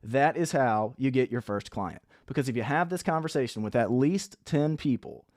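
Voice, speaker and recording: A man's voice: medium pitch, moderate pace, a little mellow, no echo, clean studio sound. A man coaching viewers on landing clients. He talks bluntly and casually, and acts out sample conversations. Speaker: online business coach. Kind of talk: direct-to-camera coaching talk.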